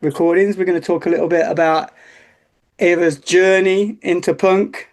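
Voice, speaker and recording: A woman's voice: lowish voice, steady tone, normal speed, darkish tone. Podcast host: woman, easygoing, rambling questions. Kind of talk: casual interview.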